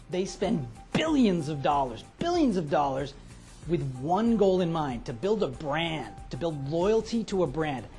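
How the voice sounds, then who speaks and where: A man hosting a motivational lesson, telling a story with lively, dramatic delivery. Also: on the high side. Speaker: motivational host.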